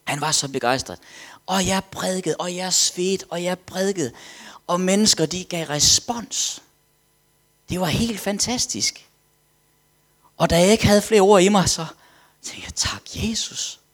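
Man, preacher, animated storytelling, sudden whispers. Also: sits high, long pauses. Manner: animated storyteller, drops to whispers, acts out quotes. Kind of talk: sermon testimony storytelling.

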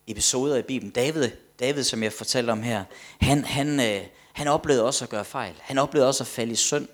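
Preaching in a mid-range voice, a man moves emphatically from loud declarations to hushed asides. Repetition of words is a frequent tool as he builds his points.

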